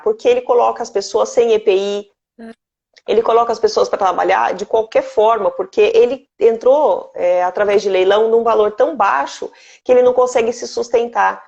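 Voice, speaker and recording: A Brazilian woman of medium pitch hosts a live stream in an earnest tone and pauses to welcome viewers by name. The audio is dull and lo-fi, like a typical stream recording. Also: creaky, a little mellow. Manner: earnest, greets viewers by name mid-story. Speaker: host.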